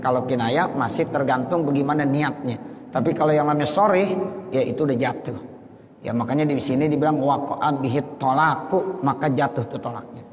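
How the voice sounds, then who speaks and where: A man giving a religious lesson, explaining point by point and slowing down to recite Arabic phrases. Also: mid-range voice. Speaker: Islamic teacher. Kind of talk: religious lecture reading an Arabic text. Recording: roomy hall echo.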